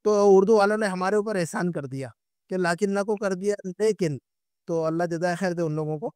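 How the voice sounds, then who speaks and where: High-voiced man teaching Arabic. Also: darkish tone, smooth, dry recording, clean studio sound. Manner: patient, repeats and checks with students. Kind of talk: online class lecture.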